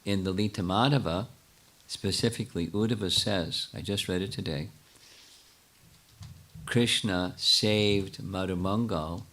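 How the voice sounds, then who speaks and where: An older man, a spiritual teacher, answering questions in a lecture with a halting, thinking-aloud manner full of restarts. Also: low voice, fairly bright tone.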